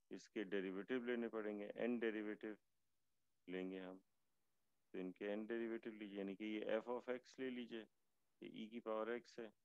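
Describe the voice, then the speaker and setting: A male lecturer with a hoarse voice, teaching a math class online slowly and haltingly, with many fillers. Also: lowish voice, dry recording, lo-fi sound. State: hoarse, fasting.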